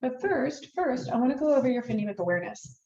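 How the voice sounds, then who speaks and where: A woman leads a one-on-one phonics lesson with short, patient prompts. Her voice sits a little high. The recording is roomy and dull. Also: big pitch swings, fast, dark tone. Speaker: reading tutor.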